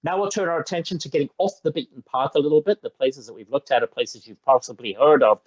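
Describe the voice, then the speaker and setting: A man's voice: fairly high pitch, fast, no room sound, muffled recording. Enthusiastic man presenting safari slides. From Zambia. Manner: enthusiastic, effusive. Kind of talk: webinar presentation.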